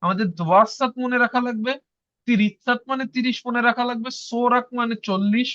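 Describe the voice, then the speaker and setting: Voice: medium pitch, steady tone, a little fast, a bit bright, no echo, highs cut off. Patient teacher. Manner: patient, repeats each word and drills learners to say it back. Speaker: language teacher. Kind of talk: online class lesson.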